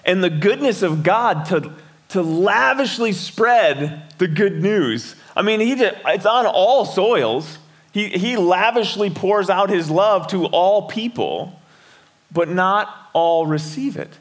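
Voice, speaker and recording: Conversational preaching man, slightly high. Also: animated, takes it slowly. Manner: conversational preaching with repeated words and rhetorical questions. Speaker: pastor. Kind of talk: sermon.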